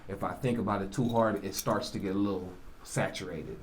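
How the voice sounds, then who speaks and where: A man from Jamaica, a rapper, talking casually in an interview, relaxed and rambling with many asides. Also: sits low, fairly quick, a little hiss or hum. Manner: relaxed, rambling, with frequent "you know" asides.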